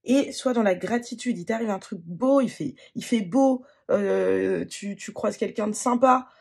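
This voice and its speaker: A tarot reader talking through a reading in a husky, slightly breathy voice. The delivery is gentle and halting, full of fillers and restarts, pitched in a middle range. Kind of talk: spontaneous card-reading monologue.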